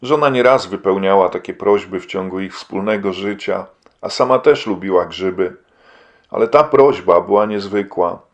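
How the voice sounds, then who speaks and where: A man narrating a book in a calm, measured way. His voice sits a bit low and stays steady through long passages. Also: highs cut off. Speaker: audiobook narrator. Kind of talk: scripted narration.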